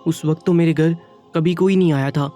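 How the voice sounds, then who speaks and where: A man narrating a first-person story in a steady, even reading manner. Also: fairly high pitch, soft background music.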